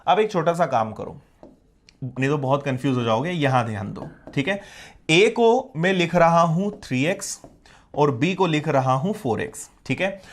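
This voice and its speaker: A man with a fairly high voice teaches maths in a live online class and speaks with a Hindi accent. He walks through each step slowly and keeps asking his students whether it makes sense. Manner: explains step by step, checks often if students follow.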